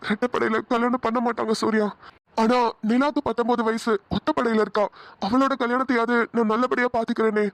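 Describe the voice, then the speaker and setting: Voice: mid-range voice, a bit bright, no echo, natural voice. A performer voicing a blunt, scolding older village father in a cartoon. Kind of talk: Tamil cartoon dubbing.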